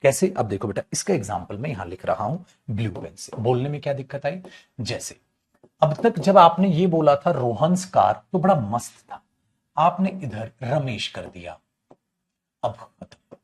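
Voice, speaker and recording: A man teaching English grammar in an online class. He teases and coaxes his students, calls them "beta" and "chhutku", acts out their questions and drags key phrases out slowly for emphasis. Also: medium pitch, slight background noise. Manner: lively, teasing, addresses students as beta and chhutku.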